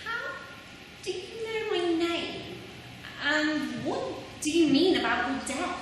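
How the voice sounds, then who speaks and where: A woman plays a downtrodden, earnest young pantomime heroine. The voice is high and sincere. It is picked up from far away in a reverberant hall. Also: big pitch swings, slow, heavily acted. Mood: puzzled, friendly. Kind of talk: amateur stage pantomime acting. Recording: echoey hall from far off, faint noise.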